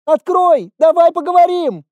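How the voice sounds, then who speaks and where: Man putting on a high pleading young sister. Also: normal speed, dry recording, phone-quality sound. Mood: shouting. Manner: pleading, then shouting in tears. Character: pleading teenage girl, the narrator's sister. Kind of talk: audiobook character voice.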